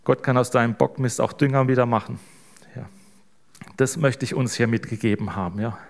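A man delivers a sermon in a relaxed, chatty manner, often pausing to check in with his listeners. His voice sits at an ordinary middle pitch, and he speaks like a pastor talking plainly to his congregation. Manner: casual, tags sentences with "ne?". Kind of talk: informal sermon.

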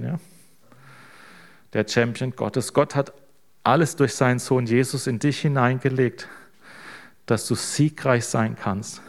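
A man's voice: mid-range voice, vocal fry. A man preaching an informal sermon as pastor, in a loose, conversational way that keeps checking in with the listeners. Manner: casual, tags sentences with "ne?".

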